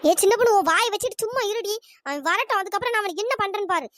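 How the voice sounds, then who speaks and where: A performer voicing a furious jealous wife in a cartoon, scolding and name-calling, with a pitch-shifted voice. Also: animated, racing, fairly bright tone, dry recording, studio quality. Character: furious jealous wife chasing her cheating husband. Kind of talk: cartoon comedy voice acting.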